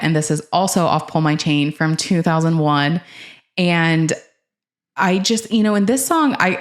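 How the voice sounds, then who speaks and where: A young woman hosting a casual talk about favorite songs, rambling and enthusiastic with many fillers and restarts. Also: sits low. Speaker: host. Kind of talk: casual chat about music.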